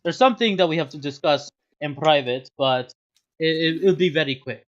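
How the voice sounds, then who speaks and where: Brisk, courteous woman leader, voiced by a game master; mid pitch, dull recording. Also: lightly acted. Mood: busy. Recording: dull lo-fi sound.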